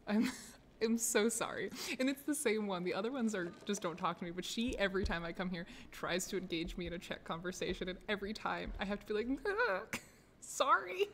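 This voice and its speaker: A woman's voice: mid-range voice, fast, big-room sound, a little hiss or hum. An American woman hosting a casual live stream, chatting and laughing often as she pokes fun at herself. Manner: laughs often, self-deprecating. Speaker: streamer host. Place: office.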